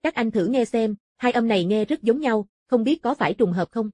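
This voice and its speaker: A woman reading a curious male ruins explorer, husky. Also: fairly high pitch, animated, normal speed, a little mellow, no echo, studio quality. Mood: musing. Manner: thoughtful, explaining. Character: curious adult male former lawyer turned ruins explorer.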